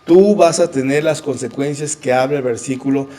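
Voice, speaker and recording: A man's voice: medium pitch, moderate pace, dark tone. A man teaching the Bible in a conversation, earnest and direct, often checking in with the listener and calling him brother. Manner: earnest, repeats questions like "¿sí?" and addresses "hermano". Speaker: preacher leading a Bible conversation.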